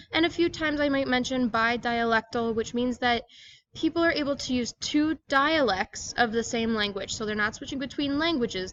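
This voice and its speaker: High-voiced woman reading a presentation. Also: a bit bright, muffled recording, slight background noise. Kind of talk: scripted educational presentation, read aloud.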